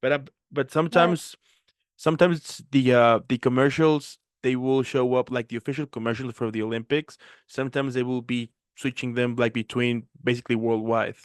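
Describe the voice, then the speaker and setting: A man's voice: mid-range voice, fairly even intonation, a little fast, smooth, no echo, clean studio sound. A man hosting a casual chat show, laid-back and agreeable, with a slangy way of talking. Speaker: host.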